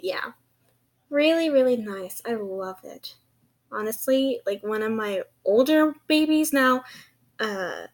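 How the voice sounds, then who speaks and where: A young woman with a lisp that turns s slushy, like sh, chatting casually in a hesitant, giggly, self-deprecating way for a vlog. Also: mid-range voice. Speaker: vlogger. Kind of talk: casual rambling vlog chat.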